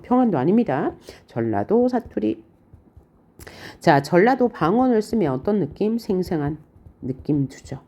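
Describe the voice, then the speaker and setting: Husky, lively woman teaching poetry. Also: on the low side. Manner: lively, questioning, reads poem lines aloud expressively. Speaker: Korean literature teacher. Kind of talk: online lecture on poetry.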